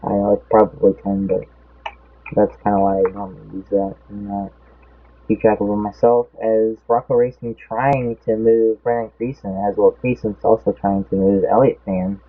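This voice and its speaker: Faint music plays behind a young man whose fairly low voice stays flat at a normal speed. He gives rambling, casual race commentary, losing his count mid-sentence, his voice a bit off, all on tinny phone-like audio.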